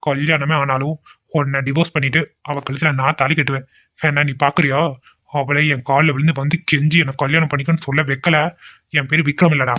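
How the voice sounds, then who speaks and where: A man's voice: fairly high pitch, little pitch movement, brisk, sharp tone. A man voicing a scheming young man who is a jealous ex-lover, wheedling and theatrical in a cartoon. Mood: taunting. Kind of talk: amateur cartoon voice acting. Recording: tinny phone-like lo-fi audio.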